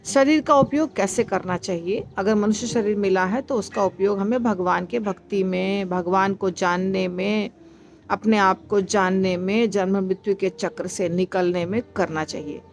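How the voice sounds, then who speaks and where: A woman teaches verse recitation at a very unhurried pace. She breaks words into syllables and says them again and again, patient, with small fillers and restarts as she explains. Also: mid-range voice, a little hiss or hum. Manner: patient, with frequent fillers and self-corrections. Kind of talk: slow explanatory lesson.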